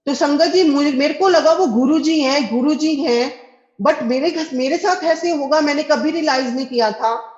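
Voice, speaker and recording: A fairly high-voiced, middle-aged woman tells a personal devotional testimony in an earnest way. She speaks straight to her listeners and acts out every line of dialogue. The recording is echoey and dull, with a lo-fi sound. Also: normal speed, darkish tone.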